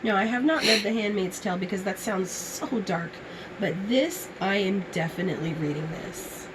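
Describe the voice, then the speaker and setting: A woman's voice: mid-range voice, moderate pace, noisy background. A woman giving an enthusiastic, casual book haul review, chatting and reading blurbs aloud in a somewhat strained voice. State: strained voice, as she apologizes for it.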